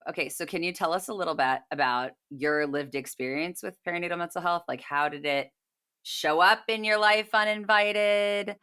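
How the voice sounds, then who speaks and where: A woman's voice: lowish voice, steady tone, moderate pace, sharp tone, smooth. A woman co-hosting a podcast, asking engaged and curious questions. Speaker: podcast co-host. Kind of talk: conversational interview.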